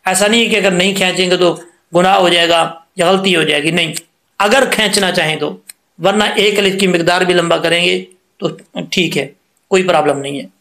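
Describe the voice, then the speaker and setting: A man teaches Quran recitation, drawing out syllables and repeating them patiently. His voice sits high, and it rings around a reverberant room. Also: fairly even intonation, fairly quick, pushed and bright. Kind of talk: tajweed lesson explaining letter sounds.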